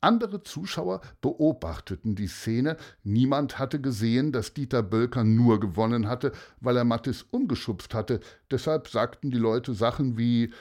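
A man narrating a children's audio story in a measured, expressive way. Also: mid-range voice.

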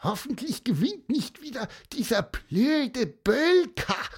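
A man's voice: extremely high pitch, very animated, takes it slowly, breathy edge, pitched above the performer's own voice, exaggerated voice. A man voicing a kind, hesitant little bird who stammers with lots of "äh" in a children's audio story. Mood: grumbling. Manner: stammering, full of "äh" and "ja".

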